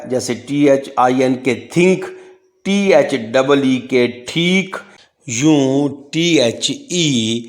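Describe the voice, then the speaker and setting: A man giving a phonics lesson, spelling words out letter by letter. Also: medium pitch. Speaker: English teacher.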